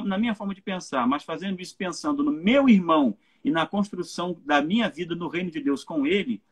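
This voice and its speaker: The Brazilian pastor's voice is high-pitched and husky, carrying a Brazilian Portuguese accent. On a live stream he gives casual Bible teaching, frequently checking in with listeners through tag questions.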